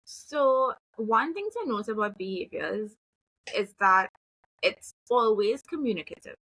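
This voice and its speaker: A woman, a behavioral analyst and mother, calmly explaining with examples from her own home. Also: mid-range voice, dry recording, poor audio. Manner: calm, measured, explains with examples. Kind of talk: explanatory conversation.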